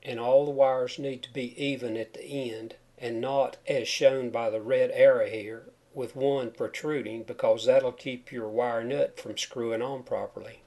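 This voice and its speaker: A man's voice: mid-range voice, fairly even intonation, a little slow, hardly any pauses, warm tone. A man narrating a step-by-step how-to tutorial, his speech marked by a whistle on s sounds from a chipped tooth. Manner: plain, step-by-step explaining. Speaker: DIY home wiring instructor.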